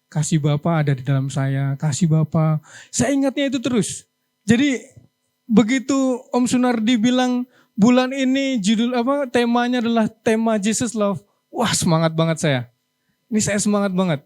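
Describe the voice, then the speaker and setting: A man from Java gives a heartfelt church testimony in a high, light voice. He speaks earnestly and with feeling, slipping into the voices of his parents and his wife. The sound is dry and close. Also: normal speed, darkish tone, dry recording. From Java, Indonesia. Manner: earnest, emotional, acts out family dialogue. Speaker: pastor. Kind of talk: sermon testimony.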